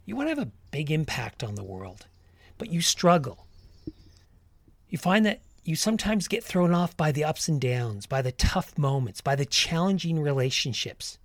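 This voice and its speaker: Higher-voiced man guiding listeners, very dry sound. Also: sing-song, moderate pace, no echo. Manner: encouraging, instructive, addressing the listener directly. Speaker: host of a guided mindfulness walking podcast. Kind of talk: guided walking meditation and motivational talk.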